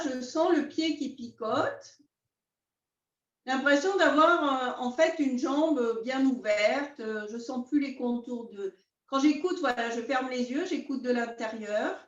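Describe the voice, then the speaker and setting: Calm woman teacher leading a class, high voice, dull roomy recording. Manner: calm, unhurried, step-by-step guidance. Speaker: qi gong teacher. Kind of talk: guided class instruction. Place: class room with students. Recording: roomy, distant, dull sound.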